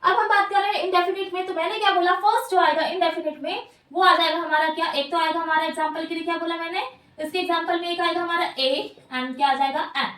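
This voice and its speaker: High-voiced woman teaching grammar in an echoey room. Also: fairly even intonation, quick pace, fairly bright tone, recorded from a distance. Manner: keeps asking and answering her own questions. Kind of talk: English grammar lesson in Hindi.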